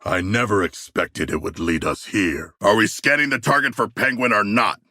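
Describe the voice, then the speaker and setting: An actor playing a huge, noble and bloodthirsty shark warrior in a video game, deep and gravelly, with formal, grandiose diction. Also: male voice, moderate pace, bright, forceful tone, no echo, studio quality. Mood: calm, earnest.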